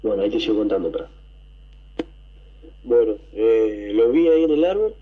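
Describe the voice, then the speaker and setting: A man with an Argentine accent, telling a story to a radio show, excited and rambling, with coughs and throat clearing. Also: fairly low pitch, normal speed, narrow, tinny audio. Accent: Argentine Spanish. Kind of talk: casual storytelling.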